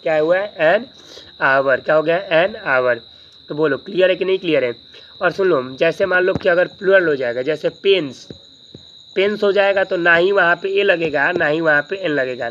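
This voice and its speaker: A man's voice: on the high side, a bit bright, a little hiss or hum. Man, teacher, grammar lesson, asks and answers himself, raised voice, dull lo-fi audio. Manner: repeats questions to the class and answers them himself; joking asides.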